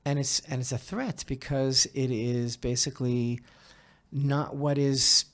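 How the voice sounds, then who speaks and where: A podcast host with a mid-range voice and fairly bright tone gives opinions in a conversational way. His speech is halting and emphatic, full of repeated phrases and frequent check-ins with the audience.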